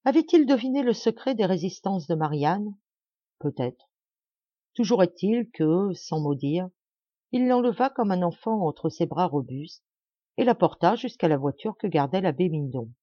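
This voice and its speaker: A woman reading a classic novel aloud in a measured, dramatic storytelling manner. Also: fairly low pitch, lively intonation, mellow, no room sound, highs cut off. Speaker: audiobook reader. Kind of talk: audiobook narration of a classic novel.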